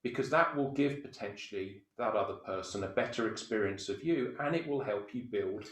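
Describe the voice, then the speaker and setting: A man's voice: on the low side, animated, a little fast. A man co-presenting a training webinar, explaining his points with rhetorical questions and everyday examples over a video call. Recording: roomy video call audio.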